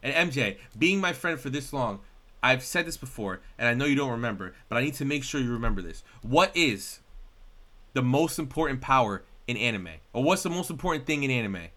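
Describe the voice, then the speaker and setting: A man co-hosting a podcast in casual chat, excitable and rambling, swearing often. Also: mid-range voice, fairly quick. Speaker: podcast co-host.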